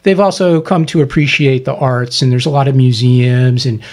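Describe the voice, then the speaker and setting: A man's voice: mid-range voice, steady tone, normal speed, darkish tone. A man hosting a radio interview, chatty and joking as he asks his guest questions in the studio. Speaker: radio host.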